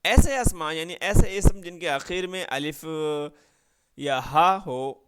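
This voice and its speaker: A man's voice: high voice, heavy background noise. A man giving an exam-prep grammar lesson, reading out word lists and checking in with his students after nearly every point. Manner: drills with constant "right?" check-ins and rhetorical questions; reads out word lists slowly. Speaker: Urdu grammar teacher.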